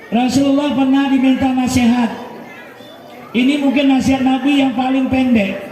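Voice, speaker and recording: A man's voice: very high-pitched, steady tone, normal speed, mellow, slight background noise. A man preaching a humorous sermon at a mosque gathering, joking with the congregation and calling out to them constantly. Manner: joking, calls out to listeners constantly. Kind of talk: humorous sermon with crowd banter. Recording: echoey mosque hall, crowd murmur.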